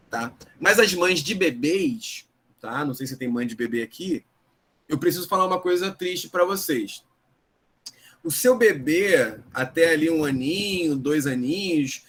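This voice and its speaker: Chatty Carioca man leading a parents' webinar. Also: fairly bright tone. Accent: Rio de Janeiro Portuguese. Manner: chatty, asks "né?" often, acts out anxious parents in a high voice. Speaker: school director teaching parents. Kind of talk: lively webinar talk to parents.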